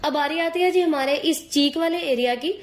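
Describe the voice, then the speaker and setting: Hoarse high-voiced woman teaching makeup. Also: moderate pace, roomy sound. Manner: patient explaining, frequent check-ins. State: hoarse, straining her voice. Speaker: makeup tutor. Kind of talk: step-by-step makeup tutorial.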